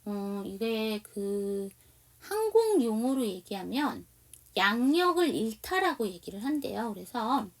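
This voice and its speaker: A woman teaching English to Korean speakers, reading English lines slowly with a Korean accent and explaining them in Korean, often asking her listeners questions. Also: on the high side, sing-song, recorded from a distance. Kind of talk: slow explanatory language lesson.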